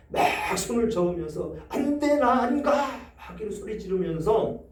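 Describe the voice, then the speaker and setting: A man preaching as pastor, emphatic, his loudness rising and dropping sharply. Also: fairly high pitch. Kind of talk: sermon. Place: church sanctuary. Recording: echoey church hall, mic set far off.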